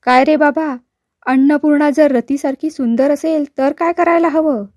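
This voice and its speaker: Boisterous joking man, voiced by a woman, teasing shouts, dry close sound. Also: high voice, fairly even intonation, moderate pace, dry recording. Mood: playful. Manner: shouting, playful. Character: boisterous married man, loud joker.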